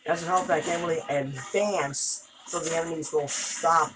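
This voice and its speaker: A woman's voice: deep voice, fairly even intonation, moderate pace, music in the background, low-quality recording. A woman commenting on her gameplay as she plays, frustrated, exclaiming and cursing at the game. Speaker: gamer.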